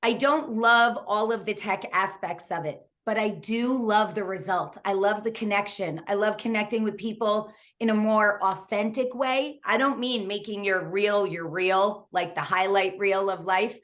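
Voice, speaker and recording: A woman's voice: mid-range voice, normal speed, few pauses, a bit bright. A woman in her forties, a candid author and coach, telling her story with frequent laughs in a casual interview over a video call. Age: 40s.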